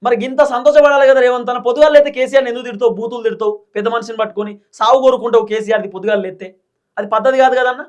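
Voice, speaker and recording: A man with a Telangana Telugu accent hosts a political commentary monologue. His voice sits very high and he talks at a breakneck pace. He is combative throughout and keeps hammering his points with rhetorical questions. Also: fairly even intonation, rapid-fire, highs cut off. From Telangana, India. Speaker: political commentator, channel host.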